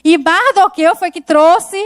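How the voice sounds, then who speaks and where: A woman with a high voice preaches to a congregation, retelling a Bible story with lively energy. She keeps asking the listeners questions as she goes. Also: slow. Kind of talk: storytelling sermon.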